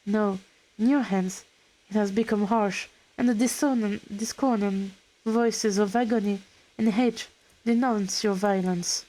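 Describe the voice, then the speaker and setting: A woman's voice: mid-range voice, steady tone, measured pace, dark tone, a little hiss or hum, natural voice, rough recording. A woman reading aloud a stern male comrade who speaks in solemn, reproachful tones. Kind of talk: reading game dialogue aloud.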